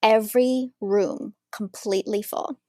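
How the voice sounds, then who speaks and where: A woman from Ukraine in her thirties, a psychologist telling her story as a podcast guest in an eager, lively way. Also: mid-range voice, a little slow, no echo, clean studio sound. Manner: warm, eager storytelling with frequent laughs. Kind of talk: casual interview.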